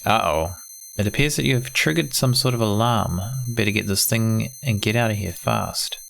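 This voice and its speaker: Low, gravelly male gamer. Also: normal speed, fairly bright tone, soft background music, rough recording. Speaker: gamer playing through an adventure game. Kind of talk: casual game commentary, reading dialogue aloud.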